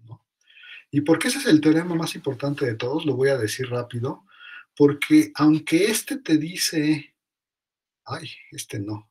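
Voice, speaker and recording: A man's voice: mid-range voice, a little mellow, breathy edge. A man giving an informal math lecture, thinking aloud and correcting himself as he goes.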